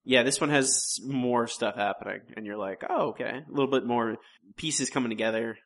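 A man of ordinary pitch co-hosts a podcast, his voice carrying a gravelly fry. He talks casually and hesitantly, leaning on fillers and trailing off. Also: normal speed. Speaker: podcast co-host. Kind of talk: casual chat.

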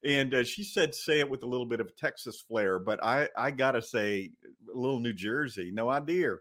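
A man's voice: medium pitch, normal speed, fairly bright tone. An American man chatting casually as a podcast co-host. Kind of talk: casual chat.

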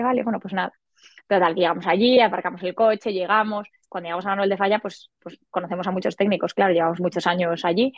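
Fast-talking woman telling a story. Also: no room sound, lo-fi sound. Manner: animated, acts out quoted dialogue in a higher voice. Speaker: podcast guest. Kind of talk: casual storytelling.

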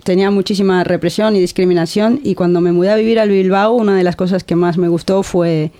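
Talking fast in a mellow, lowish voice with fairly even intonation, this Argentine woman, a guest content creator, reflects earnestly in a casual interview. Her Argentine accent comes through, and she frequently restarts words and drops in "¿no?".

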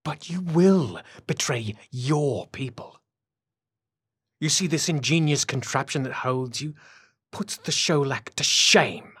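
A man voicing a cruel, scheming male villain in an audiobook, taunting slowly and menacingly. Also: fairly high pitch, a bit bright, slightly rough, dry recording, clean studio sound, pitched above the performer's own voice, heavily acted. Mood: mocking menace. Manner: taunting, slow and menacing, sometimes whispering. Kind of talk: audiobook character voice.

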